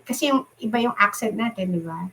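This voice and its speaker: A middle-aged woman from the Philippines, a nurse, chatting casually as an interview guest, animated and laughing often as she acts out the voices of people she quotes. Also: medium pitch, brisk, poor audio. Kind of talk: casual storytelling chat.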